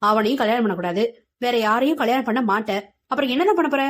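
A woman's voice: fairly high pitch, expressive, quick pace. A woman voicing a young male college friend who teases and scolds bluntly. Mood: scolding. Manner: teasing, scolding banter.

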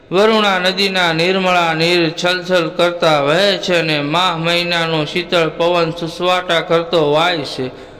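Sex: man. Role: storyteller and channel host. Style: reading a folk tale aloud. Pitch: high. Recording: long hall reverb. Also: bright, forceful tone. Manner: measured, descriptive storytelling.

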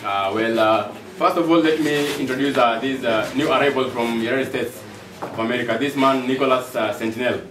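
A man playing a news bureau chief in an amateur stage play, speaking haltingly with many fillers. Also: medium pitch, close to an everyday voice. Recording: roomy, distant mic with noise.

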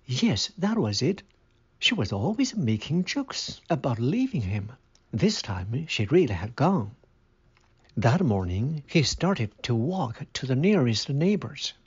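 Male narrator for a read-aloud story, measured and husky, muffled lo-fi sound. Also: mid-range voice, big pitch swings.

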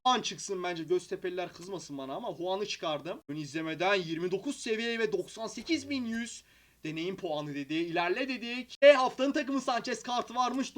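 A man giving excitable live commentary on his own mobile football game, shouting player names when goals go in. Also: high-pitched. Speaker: mobile football gaming YouTuber.

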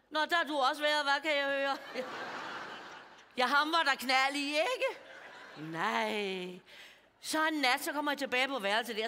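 In a stand-up character monologue, a comedian plays a bawdy, gossipy old lady of about seventy, confiding to a live audience and chuckling at her own jokes. Her voice is high-pitched, bright and forceful, picked up by a stage mic in a hall with audience and slight background noise.

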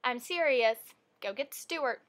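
A woman playing a patient, firm mother. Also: sits high. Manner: soft, measured and instructive.

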